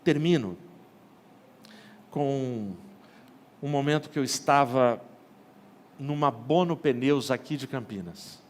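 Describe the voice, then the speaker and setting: A man's voice: medium pitch, takes it slowly, long pauses. A man, a pastor preaching an online sermon in a colloquial way and acting out the dialogue in his stories.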